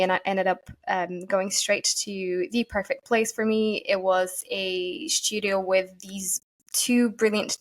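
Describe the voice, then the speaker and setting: A woman from Portugal, a yoga teacher giving earnest, thoughtful interview answers and often pausing to find her words. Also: medium pitch. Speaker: podcast guest, yoga teacher.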